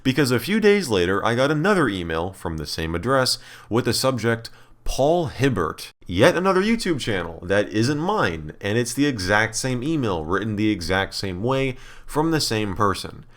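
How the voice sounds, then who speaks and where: Casual male YouTuber, lowish voice with lively intonation, reading out messages in sarcastic disbelief. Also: normal speed. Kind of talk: casual comedic commentary, reading emails aloud.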